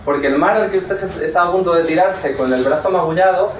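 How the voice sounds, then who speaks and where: A man with a Castilian Spanish accent voicing a calm, matter-of-fact hospital doctor in a spoken story, in a plain explanatory manner. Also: high-pitched, fast, a little hiss or hum, natural voice. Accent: Spain (Castilian Spanish). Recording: echoey room, voice from far off.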